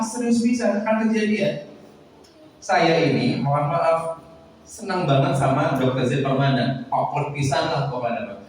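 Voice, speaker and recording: A man with a Sundanese accent and a fairly high voice gives a lively talk to a room of parents, joking and firing questions at them. He speaks into a handheld mic, but he is picked up from a distance in a large hall. A long, echoing reverb hangs on every phrase. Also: slight background noise. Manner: jokey, quizzes the audience, slips into Sundanese phrases. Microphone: handheld microphone. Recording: echoey hall, voice picked up from afar.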